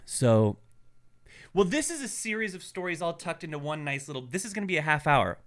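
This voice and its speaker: A man co-hosting a podcast, telling a rambling story in a casual, animated way with a lot of swearing. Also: a little high, a little fast. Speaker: podcast co-host.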